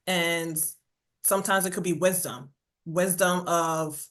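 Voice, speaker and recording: Speaking slowly in a fairly low voice, this podcast guest, a burnout coach from Jamaica with a New York accent, stays casual and lively, performing quotes and tacking "right?" onto nearly everything.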